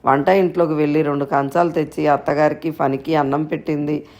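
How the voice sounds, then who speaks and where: A man reading a short story aloud in steady, scripted narration. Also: on the high side, a little fast.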